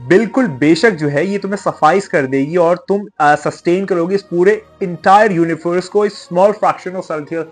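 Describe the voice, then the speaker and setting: A man's voice: sits high, normal speed, hardly any pauses. A young man giving an explanatory talk on a scripture, restating each point in simpler words and mixing in English terms. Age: young adult. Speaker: religious video presenter. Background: faint background music.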